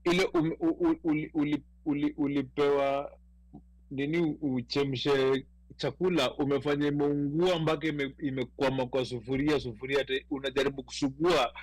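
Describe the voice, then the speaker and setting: A man's voice: mid-range voice, steady tone, moderate pace, no room sound, low-quality recording. Emphatic Kenyan man, dry sound. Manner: emphatic, insistent, repeats words when pressing a point. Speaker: panelist. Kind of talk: casual panel discussion.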